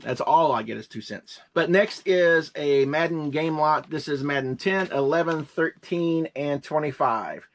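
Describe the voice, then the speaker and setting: A man in his fifties co-hosting a reselling show, talking quickly in a rambling, joking, casual way. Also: on the high side. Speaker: reseller co-host. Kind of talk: casual chat.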